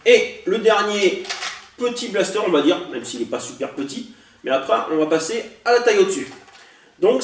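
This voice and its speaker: Man, fairly high voice, casual vlog chat, hesitant, self-correcting, echoey room, distant mic, faint noise. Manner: chatty, hesitant, many fillers and self-corrections. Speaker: toy collector showing a haul.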